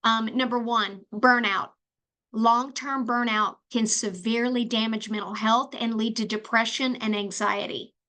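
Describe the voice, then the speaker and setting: Bright-voiced woman podcast host. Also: a little high, steady tone, measured pace. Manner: chatty storytelling with fillers and restarts. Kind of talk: solo podcast monologue.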